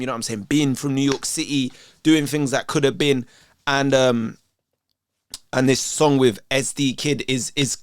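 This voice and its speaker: A man's voice: medium pitch, clean tone, no room sound, studio quality. A man, chatting casually while he reacts to videos, streetwise and loose. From England. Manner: chatty, streetwise, says "you know what I'm saying" often.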